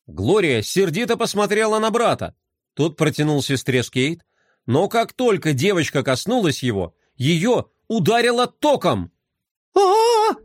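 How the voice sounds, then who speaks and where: Lively man narrating a kids' story. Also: on the high side, dry recording, clean studio sound. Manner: expressive, lively.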